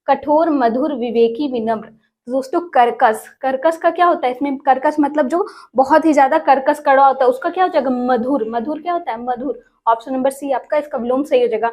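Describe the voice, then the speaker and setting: High-voiced woman teaching exam prep. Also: brisk, a little mellow. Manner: addresses viewers as friends, asks and repeats answers.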